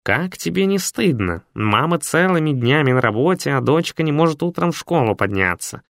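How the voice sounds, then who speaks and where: A man's voice: on the high side, animated, normal speed, gravelly, dry recording, clean studio sound, voice pushed up. A man voicing a stern robot cat who nags and scolds in a raised voice. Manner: bossy, nagging.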